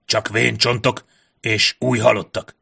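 A man voicing a gruff, blunt old male warrior who speaks bitterly. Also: medium pitch, little pitch movement, sharp tone, heavily acted.

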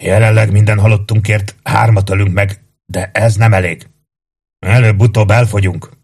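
A man doing a gruff old giant warrior. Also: lowish voice, level tone, a little mellow. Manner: growling, blunt.

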